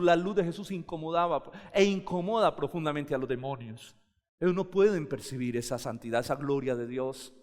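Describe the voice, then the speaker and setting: Male pastor, high-pitched voice, conversational sermon, long hall reverb. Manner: conversational, asks the congregation questions.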